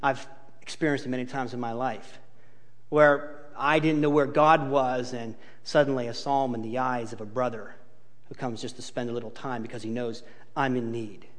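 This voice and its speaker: A male pastor preaching a sermon, telling the story in an animated way with touches of humor, in a large hall. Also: mid-range voice, moderate pace. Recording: long hall reverb.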